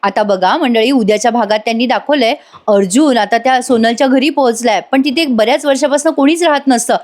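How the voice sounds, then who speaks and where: Woman recapping a serial, higher voice. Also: brisk. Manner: retells scenes, briefly voicing each character's lines. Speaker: serial episode reviewer. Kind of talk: voice-over episode recap.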